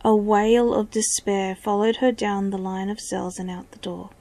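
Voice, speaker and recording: A woman narrating her own fantasy story in soft, often whispered storytelling. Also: medium pitch, steady tone, moderate pace, rough recording.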